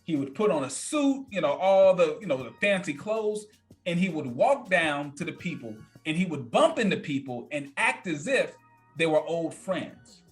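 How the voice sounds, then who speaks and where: A man's voice: fairly high pitch, big pitch swings, normal speed, faint music behind. A man in his thirties, a podcast guest telling a story in a blunt, emphatic, casual way that repeats points for effect. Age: 30s.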